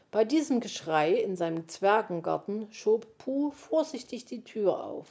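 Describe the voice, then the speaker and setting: Mellow-voiced woman reading a children's story. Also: mid-range voice, slightly rough. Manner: lively narration, many voices.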